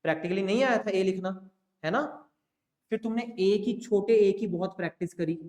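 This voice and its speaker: A high-pitched man with a darkish tone teaches accounting basics at a moderate pace, coaxing his class and frequently making sure they're keeping up. The lecture is recorded with a roomy echo.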